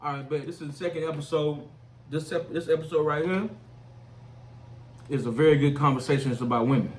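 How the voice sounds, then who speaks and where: A man's voice: on the high side, fairly quick. A young man, hosting a casual chat in loose, joking slang. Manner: laid-back slangy talk, loose and joking. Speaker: podcast host. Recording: echoey room, off-mic, faint hiss.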